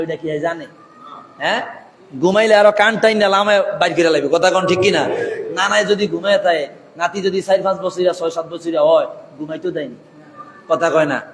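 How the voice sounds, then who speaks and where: A man's voice: sits high, slight background noise. A man preaching a fervent sermon, chanting and sing-song, calling out to the crowd over a PA system. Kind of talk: Bengali waz sermon. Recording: echoey PA sound with long reverb.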